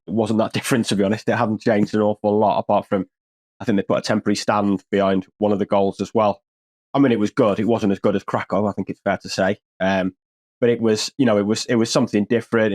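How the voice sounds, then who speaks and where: A man with an English accent speaks in a lowish voice with a darkish tone, and there's no room sound. He's a football journalist co-hosting a podcast, chatting casually in a dry, wry, rambling way with lots of restarts.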